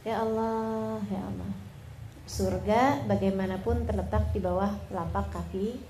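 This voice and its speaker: A woman preacher giving a sermon in a relaxed, colloquial storytelling way. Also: medium pitch, measured pace, a little hiss or hum. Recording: roomy with faint ambience.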